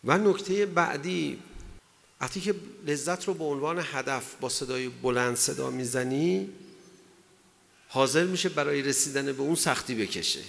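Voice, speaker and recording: A man's voice: fairly high pitch, creaky, a bit bright. A man giving a sermon in an emphatic way, asking his listeners rhetorical questions. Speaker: religious lecturer. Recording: long hall reverb.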